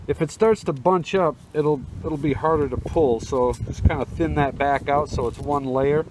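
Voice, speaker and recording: A somewhat high-voiced man at a moderate pace walks viewers through a how-to restoration, step by step, in an easygoing, casual way. He wears a face mask and records outdoors on a rooftop, where the camera picks up plenty of noise.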